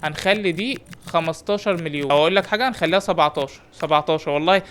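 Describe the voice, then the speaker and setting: A young man with an Egyptian Arabic accent commentates his own gameplay for his channel. His voice sits high and the words tumble out very fast. He keeps up a running stream of playful, teasing banter aimed at the characters on screen. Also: clear, resonant tone. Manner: rapid, animated, teasing banter with in-game characters. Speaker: gaming YouTuber.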